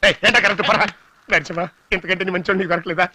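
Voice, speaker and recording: A dubbing actor playing a scheming, fawning middle-aged uncle in a dubbed film, talking in a rapid, theatrical, wheedling way. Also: male voice, high voice, fairly even intonation, bright, forceful tone, slight background noise. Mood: pleading. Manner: rapid, wheedling and theatrical, scolding then pleading. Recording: dry studio dub.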